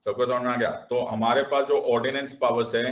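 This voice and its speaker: A man teaching a classroom lecture, animated and repeating checks on whether everyone understands, switching between Hindi and English. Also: medium pitch, fast. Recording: roomy, dull classroom sound.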